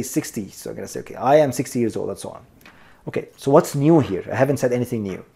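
A mellow, relaxed man with a medium-pitched voice narrates a screencast coding lesson as a voice-over. Working as a programming instructor, he walks "you guys" through every step, pausing for "okay?" and announcing "here we go."

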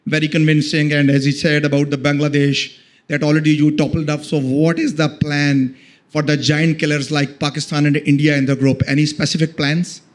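A male TV journalist with a slightly raised pitch. He opens politely with congratulations, then asks his question at a press conference. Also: little pitch movement, a little fast. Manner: polite, congratulates before asking.

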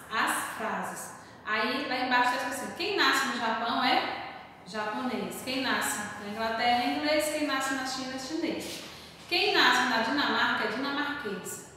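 A high, bright-voiced woman from Brazil gives a children's lesson, sounding far from the mic in a very echoey room with faint hiss. She talks slowly, spelling out each word carefully and calling herself by her own name. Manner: slow, careful word-by-word dictation, stressing syllables; calls herself "tia" in the third person. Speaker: primary school teacher. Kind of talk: remote class lesson, correcting exercises.

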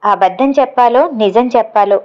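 Brief: female storyteller, even and steady, slightly high pitch. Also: fairly quick, dull audio. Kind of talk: reading a story aloud.

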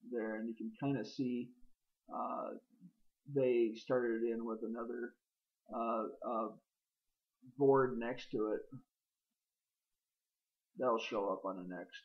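A middle-aged homesteader films a casual walkthrough of his old barn on a handheld camera, both outdoors and inside. His mid-range voice comes through lo-fi as he rambles hesitantly, full of ums and uhs.

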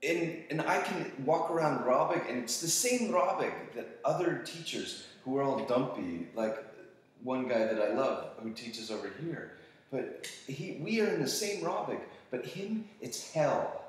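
A man's voice: medium pitch, measured pace. A man teaching students, giving a casual, enthusiastic motivational talk about fitness and acting out voices as he goes. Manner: enthusiastic, animated, acts out voices when quoting. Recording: very echoey room.

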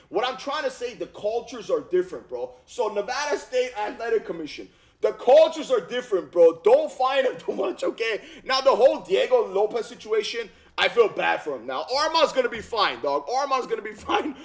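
A YouTube commentator, a man in his thirties with Armenian roots, offers casual reactions to fight news from a home gaming room via headset mic. His voice sits high; his manner is animated and slangy, repetitive, punctuated often by "bro" and "okay?".

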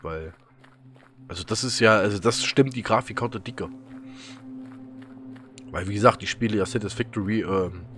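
Rambling through casual let's-play commentary, this German-accented gaming YouTuber tells stories packed with fillers and laughter. His voice sits lowish but a bit bright, and there's a little hiss or hum.

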